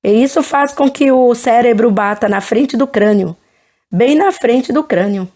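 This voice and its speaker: Uma mulher de meia-idade, apresentadora, conversando com calma e em tom de aconselhamento numa entrevista cristã. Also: female voice, fairly high pitch, a little slow. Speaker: host.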